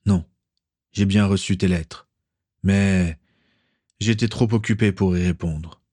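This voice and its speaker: A man's voice: slow pace, dark tone, no echo. A man voicing a gloomy older father who answers curtly in a storybook reading. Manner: low muttering, curt.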